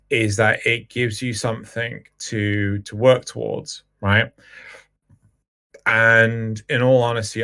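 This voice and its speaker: A man's voice: mid-range voice, sharp tone. A man co-hosting a casual gaming podcast, joking and pressing his point. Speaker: podcast co-host.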